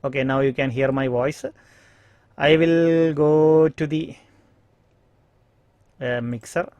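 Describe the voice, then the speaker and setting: A man with an Indian English accent walking through audio interface settings in a tutorial, pausing often for mic checks and fillers. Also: a little high, fairly even intonation, no room sound, lo-fi sound. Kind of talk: screen-recorded software tutorial. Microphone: studio microphone.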